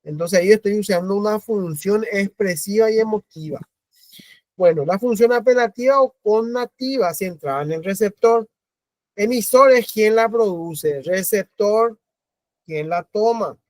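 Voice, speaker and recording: Paraguayan guy teaching over a video call, high voice, dry close sound, keeps asking the class stuff. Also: a little mellow, no room sound. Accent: Paraguayan Spanish. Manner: explains slowly, repeating himself and asking the class questions. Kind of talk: online class lecture.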